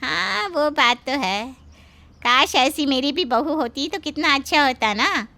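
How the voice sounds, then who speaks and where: A woman voicing a cunning middle-aged aunt-in-law in a cartoon story, talking in a honeyed, flattering way. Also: sits high, a little slow, full character voice.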